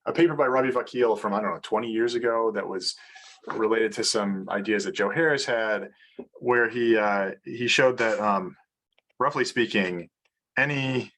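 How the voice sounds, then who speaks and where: A man's voice: on the low side, moderate pace, fairly bright tone, slight background noise. A man giving an informal research seminar talk on mathematics over a video call, hesitant, with many fillers and restarts. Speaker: mathematics lecturer.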